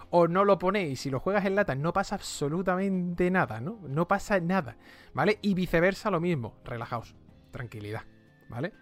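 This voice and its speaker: A man's voice: sits high, fairly bright tone. A man with a light Andalusian accent, chatting animatedly as a podcast co-host and laughing often. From Andalusia, Spain. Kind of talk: casual gaming chat.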